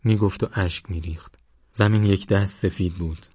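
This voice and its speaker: A man calmly narrating a novel as an audiobook reader in a measured way. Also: low-pitched, breathy edge, no echo, dull audio. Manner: calm, measured reading. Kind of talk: scripted narration.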